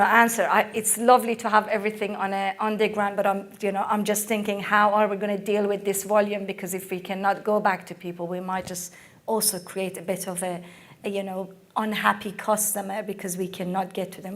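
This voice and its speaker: Woman panelist, emphatic, many fillers, voice going hoarse, mid pitch. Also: flat delivery, brisk, a bit bright. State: losing her voice. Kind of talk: conference panel discussion.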